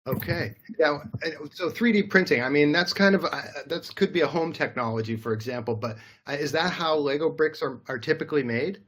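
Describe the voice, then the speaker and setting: A man's voice: fairly high pitch, fairly quick, few pauses, fairly bright tone. A man hosting a live interview over a video call, upbeat and chatty with a self-deprecating manner. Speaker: host.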